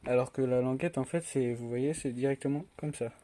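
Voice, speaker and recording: A man's voice: mid-range voice, fairly quick, dark tone, a little hiss or hum. A young man from France chatting casually through an unboxing vlog, rambling with many fillers and restarts. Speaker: tech unboxing vlogger.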